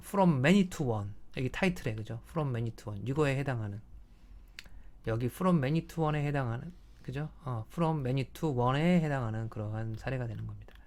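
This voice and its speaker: This recorded linguistics lecture comes from a middle-aged English professor whose medium-pitched voice has a darkish tone. He works through ideas step by step, often checking that students follow.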